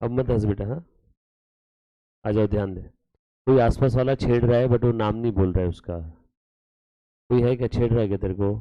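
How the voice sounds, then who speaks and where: In a Hindi-English classroom lecture, an accounts teacher with a slight tinge keeps asking his live class questions and scolds them in jest. His mid-range voice is steady, at normal speed with long pauses. There's no room sound, and the highs are cut off.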